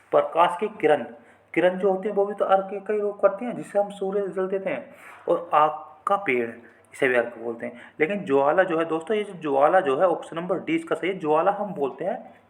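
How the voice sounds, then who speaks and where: Man, slightly high voice; chatty exam-prep teacher who keeps calling the viewers friends. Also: fairly bright tone. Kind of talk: exam-prep Hindi quiz lesson.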